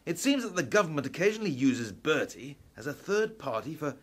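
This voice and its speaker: Man as Professor Steam, a husky, urbane gentleman inventor. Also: a little high, sing-song, fairly quick. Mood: confiding. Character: Professor Steam, shrewd gentleman inventor uncle, calmly commanding. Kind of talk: steampunk radio play acting.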